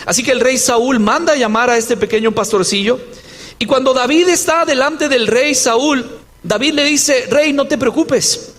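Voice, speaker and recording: A man's voice: extremely high pitch, normal speed, a bit bright, long reverb tail. A male pastor preaching a sermon, telling a story dramatically and acting out the voices he quotes. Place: church.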